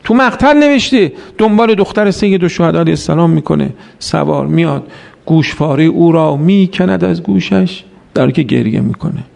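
Gravelly-voiced preacher giving a sermon. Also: male voice, a little high, a little mellow. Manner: exhorting, rhetorical questions, quotes Arabic verses. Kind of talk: religious sermon.

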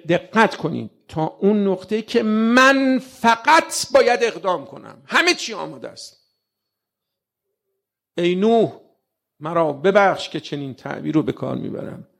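Gravelly, raised-pitch male preacher. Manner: rhetorical, questions the listeners directly; colloquial and conversational. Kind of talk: religious sermon.

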